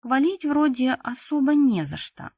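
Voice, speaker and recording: A woman narrating a first-person novel in a lively, wry storytelling manner. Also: high-pitched, unhurried, breathy edge, no room sound. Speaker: audiobook narrator.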